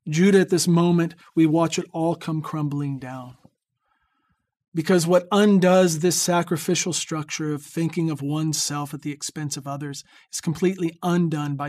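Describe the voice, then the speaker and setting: High-voiced man giving an earnest lecture. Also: darkish tone. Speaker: lecturer on scripture. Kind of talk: reflective lecture.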